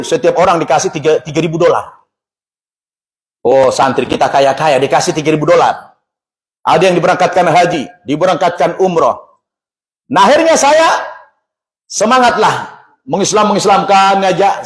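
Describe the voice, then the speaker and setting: Male preacher, high voice, animated storyteller at a mosque talk. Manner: animated storyteller, acts out dialogue. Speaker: religious teacher.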